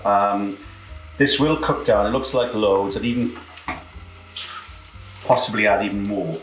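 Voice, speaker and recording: Camp British man, low echoey voice. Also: steady tone, unhurried, faint music behind. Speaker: home cook presenting own recipe show. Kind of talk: casual cooking demonstration. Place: indoor kitchen.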